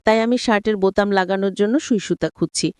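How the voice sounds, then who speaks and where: A woman's voice: medium pitch, fast, a little mellow, clear, resonant tone, no room sound, clean studio sound, natural voice. Woman reading a cold young husband. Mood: reserved. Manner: stiff, reserved.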